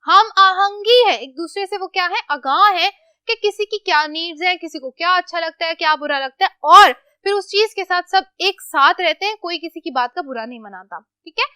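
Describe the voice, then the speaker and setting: A woman teaching English vocabulary to children, explaining each word slowly and asking questions that she answers herself, mixing English into her Urdu. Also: very high voice, lively intonation, sharp tone, no echo, clean studio sound. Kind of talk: classroom vocabulary lesson.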